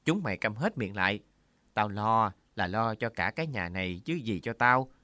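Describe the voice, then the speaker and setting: A male storyteller voicing a domineering middle-aged aunt who scolds harshly and wails loudly. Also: lively intonation, moderate pace, no echo. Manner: shrill, scolding, wailing.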